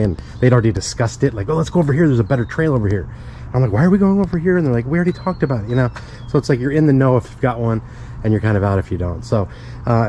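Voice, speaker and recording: Riding outdoors along a suburban street, this middle-aged vlogger rambles casually to viewers with jokey asides, his mid-range voice warm. Action-camera sound is dull, and street noise comes through.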